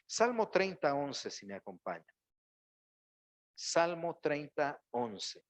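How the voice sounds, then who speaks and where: Pastor preaching in church. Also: male voice, a little high, big pitch swings, takes it slowly. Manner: preaching with rising exclamations and acted-out quotes. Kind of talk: sermon. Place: church sanctuary.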